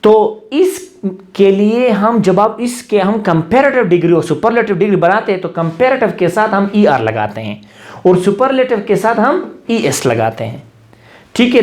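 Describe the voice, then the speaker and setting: A man's voice: high-pitched, darkish tone. A man teaching English grammar in a classroom-style lecture, asking questions and answering them himself, slipping into English phrases.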